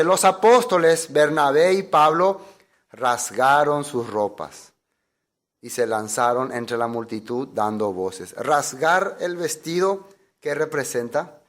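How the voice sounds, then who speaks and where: High-voiced man preaching a sermon. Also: a bit bright. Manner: emphatic, asks the listeners rhetorical questions; acts out quoted voices. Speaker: pastor.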